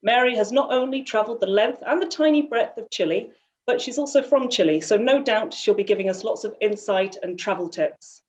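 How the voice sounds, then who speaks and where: A woman's voice: a little high, fairly quick, a little mellow. A woman hosting an online event, giving a polite, formal, scripted introduction. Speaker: event host. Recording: dull lo-fi audio.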